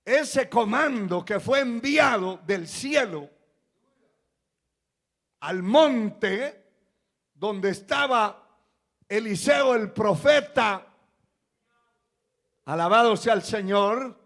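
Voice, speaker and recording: A male pastor delivers a sermon in a high voice. He takes his time, drops to hushed, low lines and then climbs into loud, shouted calls to the congregation. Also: expressive, very slow, pauses often. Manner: moves from quiet, low talk to shouted exhortation.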